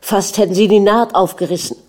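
A brisk young doctor snapping in annoyance, as a woman reading a novel aloud voices him. His lines come quick and a touch louder than the narration. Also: medium pitch, steady tone, close to an everyday voice. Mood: irritated. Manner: curt, annoyed.

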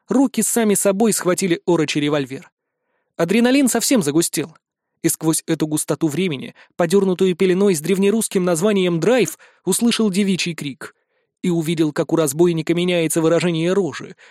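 A man narrating a fantasy adventure in first person, brisk and wry. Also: high-pitched, a little mellow, dry recording, studio quality. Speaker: audiobook narrator.

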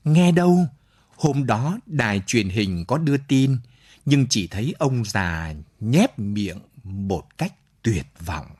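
Male narrator, unhurried late-night radio storytelling. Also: fairly low pitch, husky. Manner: slow, lively storytelling with voiced dialogue.

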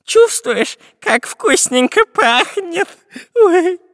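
A man voicing a skinny, greedy, excitable pirate in a storybook tale, with a high squeaky whine and pleading chatter. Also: drawn-out words, no room sound, studio quality, long reverb tail, exaggerated voice. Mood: eager.

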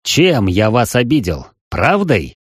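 A cold, imperious man with a very low voice presses his questions slowly and curtly, voiced by a woman narrating a story. He sounds suspicious and commanding, each word clipped. The sound is dry and close. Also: big pitch swings, slightly rough, no echo, heavily acted. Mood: stern, probing. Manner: slow, clipped, interrogating. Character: stern, imperious male gem tycoon, cold and suspicious.

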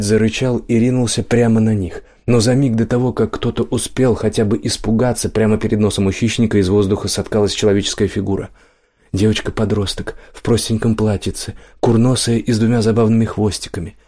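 A male narrator reads a fantasy audiobook in a steady, even storytelling voice. His voice sits on the low side for a man.

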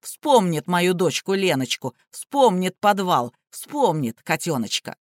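A woman's voice: lowish voice, very animated, slow pace, dry recording, clean studio sound. A woman voicing a furious young man who bellows threats while posing as an enraged father. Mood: raging.

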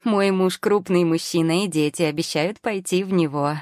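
A woman's voice: lowish voice, normal speed, darkish tone, dry recording, natural voice. A woman reading an audiobook, voicing a cheerful, lighthearted heavily pregnant young woman who laughs things off, in a dry close recording. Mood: amused.

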